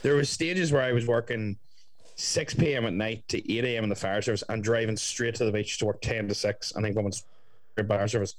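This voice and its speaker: A man's voice: fairly low pitch, a little fast, no echo. A man in his twenties with a Northern Irish accent, chatting casually and swearing as a podcast co-host. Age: 20s.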